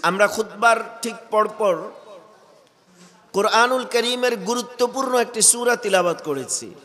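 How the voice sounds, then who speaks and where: High, bright-voiced preacher with a cold. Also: male voice, a little slow, in a large hall. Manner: questions the crowd and builds to loud emphatic peaks. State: has a cold. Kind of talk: sermon at a religious gathering.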